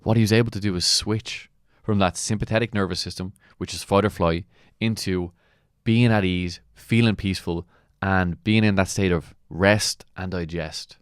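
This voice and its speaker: A man with a very deep voice coaches in motivational commentary, recorded close and dry. He makes his points emphatically and poses rhetorical questions. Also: fairly even intonation, normal speed, clean tone, no room sound. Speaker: mentor and coach. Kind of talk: motivational commentary on a client testimonial.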